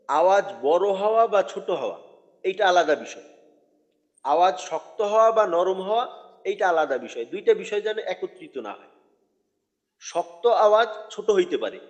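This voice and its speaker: A man leads a recitation lesson in a fairly high voice. He patiently repeats each sound slowly so his students can follow. The recording carries a long, ringing reverb. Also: lo-fi sound. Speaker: Quran recitation teacher. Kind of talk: online tajweed lesson.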